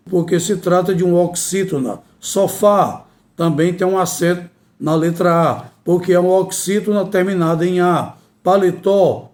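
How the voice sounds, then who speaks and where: High-voiced man teaching grammar. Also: a little mellow. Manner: slow, deliberate, repeats key words and rules. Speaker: Portuguese language teacher. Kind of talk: grammar lesson.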